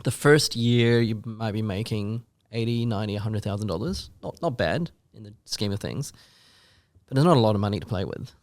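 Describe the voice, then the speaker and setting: Fairly low in pitch and fairly quick, a man around forty co-hosts a podcast with no room sound. He chats casually, wanders off topic, makes fun of himself, and asks lengthy questions.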